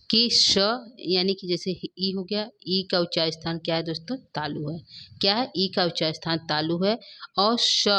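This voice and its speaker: A woman teaching a Sanskrit grammar lesson online, explaining step by step and often asking and answering her own questions. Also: fairly low pitch.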